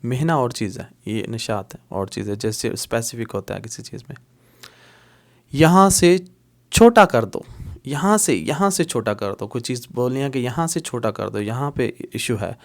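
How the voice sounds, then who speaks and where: A man teaching basic spoken Arabic in a casual lesson, repeating each word several times and mixing in English. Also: mid-range voice. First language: Urdu.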